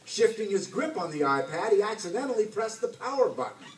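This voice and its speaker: A man, an author, reading his story aloud to a bookstore audience with animated, dramatic narration. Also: high voice, a little fast. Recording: roomy, distant mic, faint hiss.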